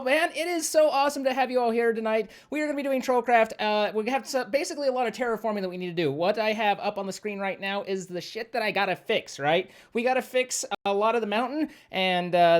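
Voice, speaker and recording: A man chatting casually to viewers as a game streamer, excitable and rambling, often self-deprecating. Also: very high voice. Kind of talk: casual live-stream chat.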